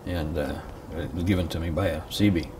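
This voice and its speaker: An older man with a deep voice speaks as a veteran remembering his service. He goes haltingly, pausing between thoughts in an interview. The mic sits at a distance, with clear noise behind him. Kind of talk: interview reminiscence.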